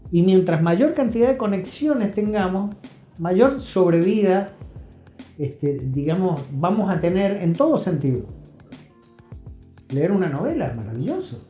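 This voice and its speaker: Speaking a little slowly in a high, sing-song, mellow voice, a middle-aged man from Argentina, a health professional, is a guest on an interview. His talk is casual and reflective, full of explanations and brief tag questions. The sound is roomy, with music underneath.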